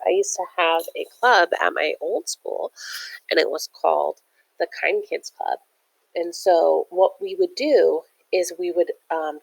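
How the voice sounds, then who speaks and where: A low-quality recording captures a woman whose voice runs on the low side with vocal fry. Like a teacher, she reads a picture book with energy, pausing for chatty, encouraging asides that make things simple for young kids.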